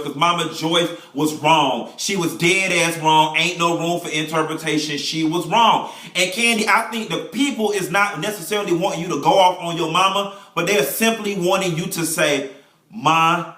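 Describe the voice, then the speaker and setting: A man's voice: high voice, bright, forceful tone, reverberant. A man giving a sassy, brash, profane reality TV recap, calling the viewer honey and child. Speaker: reality TV reviewer.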